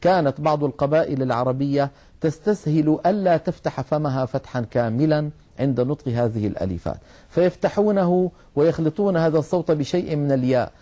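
Guy teaching quran recitation, kinda high soft warm voice, patient, stretches out sounds to show them. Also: a little fast, highs cut off. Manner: patient explaining, drawing out sounds to demonstrate. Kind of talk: religious lesson on recitation rules.

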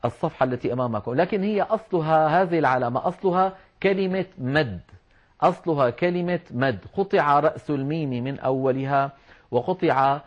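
A man teaching Quran recitation rules, explaining patiently and slowing down to demonstrate words. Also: fairly high pitch. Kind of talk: religious lesson on Quran script and recitation. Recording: dull lo-fi recording.

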